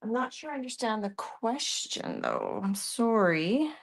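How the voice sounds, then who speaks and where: With a fairly high pitch, huge swings in pitch, vocal fry and a measured pace, this Canadian-accented woman hosts a live art demo. She narrates her process while answering viewers' questions. Her manner is chatty and thinking-aloud, with sentences that often trail off.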